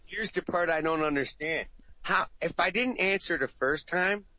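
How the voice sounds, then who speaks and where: Bright-voiced profane man, lo-fi recording. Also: normal speed, no echo. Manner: profane, acts out voices in a high pitch. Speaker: podcast co-host. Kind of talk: casual comedic chat. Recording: dull lo-fi recording.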